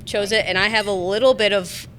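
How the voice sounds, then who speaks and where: Chatty young woman hosting, bright voice. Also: mid-range voice, fairly even intonation, a little fast. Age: 20s. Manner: chatty, laughs often, says "like" a lot. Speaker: podcast host. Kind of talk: casual chat. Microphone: podcast mic, sitting a little far from it.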